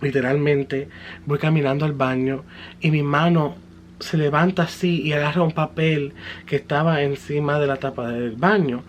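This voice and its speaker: A man's voice: on the high side, fairly even intonation, moderate pace, slight background noise. A man giving a personal religious testimony in an earnest, fervent way, slipping English words into his story.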